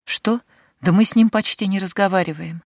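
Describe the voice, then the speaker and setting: A woman's voice: mid-range voice, moderate pace, a little mellow, no room sound, studio quality, lightly acted. A woman voicing a capricious young noblewoman in an audiobook, with a demanding, sarcastic manner.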